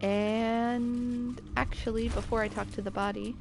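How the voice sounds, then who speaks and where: A woman's voice: on the high side, level tone, measured pace, gravelly, music in the background. A woman streamer giving casual, playful commentary while playing a game. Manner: chatty, playful asides.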